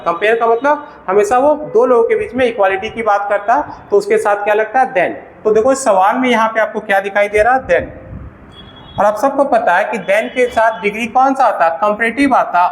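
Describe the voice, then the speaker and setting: Indian guy teaching english grammar, asks then answers his own questions, high voice. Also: echoey room, rough recording. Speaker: English teacher for exam prep. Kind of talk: classroom-style grammar lesson.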